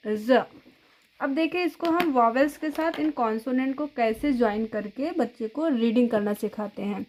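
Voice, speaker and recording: High-voiced woman teaching phonics. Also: a little mellow. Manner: patient, repeats each letter sound, frequent check-ins. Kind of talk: explanatory lesson for parents.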